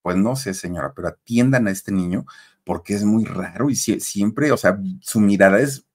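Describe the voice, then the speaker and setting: A man's voice: on the low side, normal speed. A man voicing a stern primary school teacher who insists, in a scolding way, that a strange child needs help. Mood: insistent.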